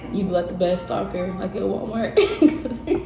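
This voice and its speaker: A young woman joins a food challenge as a guest and teases the host with quick, playful comebacks. Her voice bounces around an echoey room with music playing behind it. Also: medium pitch, creaky. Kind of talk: casual mukbang chat.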